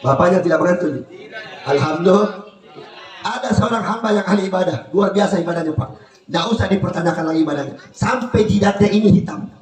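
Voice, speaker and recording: A man preaching a sermon to a gathering, firing rhetorical questions at the audience and swinging between shouts and quiet storytelling. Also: sits high, fast. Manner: animated, shifts between shouting and soft storytelling. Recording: echoey hall, voice from a distance.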